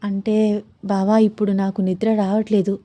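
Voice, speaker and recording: A woman's voice: on the high side, unhurried, warm tone, no echo, lightly acted. A woman voicing a shy young bride who speaks bashfully and hesitantly in a storybook reading.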